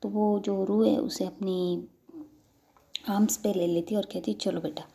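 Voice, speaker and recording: A woman's voice: mid-range voice, fairly even intonation, unhurried, creaky, dark tone. A woman narrating a love story in a casual, conversational storytelling way. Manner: conversational retelling, frequent "to ... kehti".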